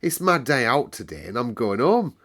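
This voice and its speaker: For a children's storybook read-aloud, a man voices a cheerful, chatty young Yorkshire housemaid in broad dialect, sounding proud. He uses a sing-song, fairly bright mid-range voice pitched above his own, at a moderate pace.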